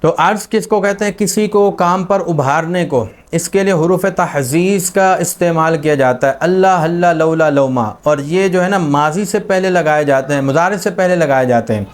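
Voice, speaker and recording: A man's voice: fairly high pitch, few pauses. A man teaching a grammar lesson, explaining patiently with many examples and fillers. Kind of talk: spoken lesson on Arabic grammar.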